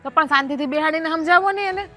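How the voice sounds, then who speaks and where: An actress playing a level-headed village wife who chides her husband and urges calm, with a Kathiawadi Gujarati accent. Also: high-pitched, fast, soft background music. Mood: scolding. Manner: chiding, urging calm. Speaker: wife of the elder brother. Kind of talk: rural family drama acting.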